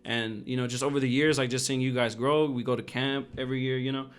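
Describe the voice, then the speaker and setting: A man in his twenties co-hosts a podcast, chatting casually and earnestly about personal matters and often repeating his phrases. His voice is mid-range, level, fast, clear and resonant.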